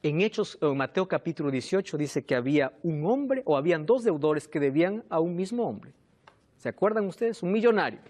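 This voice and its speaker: A pastor preaching a sermon with animated delivery, retelling parables in quoted dialogue and appealing directly to his listeners. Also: fairly high pitch, a little fast.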